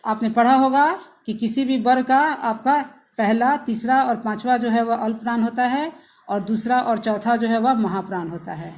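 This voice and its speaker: A woman school teacher giving a grammar lesson to pupils, spelling words out slowly letter by letter and calling them children. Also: on the high side, fairly even intonation, a little mellow.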